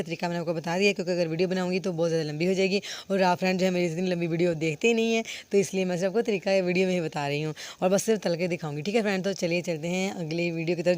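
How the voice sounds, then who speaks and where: A woman's voice: fairly low pitch, steady tone, very fast, few pauses, darkish tone. A woman hosting a casual home cooking vlog from a village kitchen, chatty and addressing her viewers as friends. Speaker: cooking vlogger.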